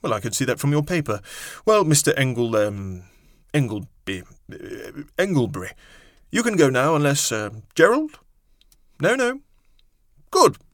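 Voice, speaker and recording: A man's voice: medium pitch, big pitch swings, measured pace, no room sound, voice pushed up. A man voicing a fussy elderly academic interviewer who dithers and stumbles over names, in a dry recording. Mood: dithering.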